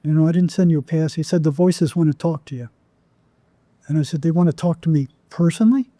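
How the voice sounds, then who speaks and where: A psychotherapist appears as a podcast guest, telling stories in a rambling, conversational way and often acting out the dialogue he quotes. His voice is fairly high-pitched, brisk, and mellow, captured in a dry recording.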